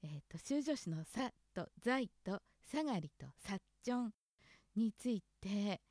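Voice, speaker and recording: A woman's voice: medium pitch, expressive, measured pace, a little mellow, dry recording, clean studio sound. A woman from Hokkaido hosting a casual spoken lesson on local dialect words, thinking aloud and questioning herself as she goes.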